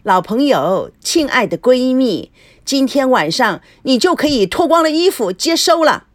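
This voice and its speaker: A woman acts out a shrill, jealous young wife in an audio novel, shrieking insults and sneering at her rivals. Her voice leaps all over its range, recorded dry and close. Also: sing-song, a little slow, no echo. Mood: furious. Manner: shrieking, scornful.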